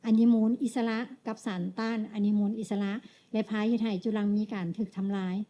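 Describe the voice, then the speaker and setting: A woman's voice: mid-range voice, little pitch movement, fairly quick, dark tone, lo-fi sound. A woman interpreting a medical lecture, speaking hesitantly and adding frequent tag particles.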